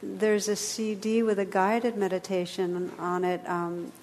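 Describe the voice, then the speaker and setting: A woman meditation teacher speaking gently and soothingly, unhurried, as she guides and reflects with a class. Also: mid-range voice, flat delivery, slight background noise. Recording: reverberant hall.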